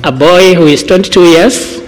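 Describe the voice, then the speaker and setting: A middle-aged man from Kenya, a guest pastor speaking in short phrases with "uh" pauses, stopping for an interpreter. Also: high-pitched. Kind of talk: church talk with interpreter. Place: church hall. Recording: long church hall reverb.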